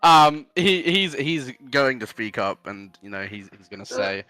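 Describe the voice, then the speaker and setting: Bright-voiced, animated male tabletop player. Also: mid-range voice, measured pace, faint music behind. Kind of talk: casual chat.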